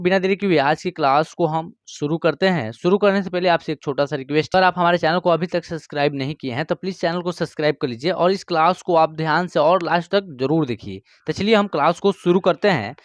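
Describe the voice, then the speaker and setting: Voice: medium pitch, no room sound. An online teacher giving a patient beginner's lesson, reciting letters one by one and often adding small check-in fillers. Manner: patient, repeats "theek hai" and "jo hai" fillers.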